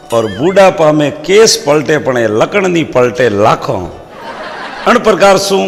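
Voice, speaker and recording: Rajasthani comedian telling folk jokes. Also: male voice, on the high side. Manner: lively storyteller quoting proverbs. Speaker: stand-up comedian. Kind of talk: folk comic storytelling. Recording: long hall reverb.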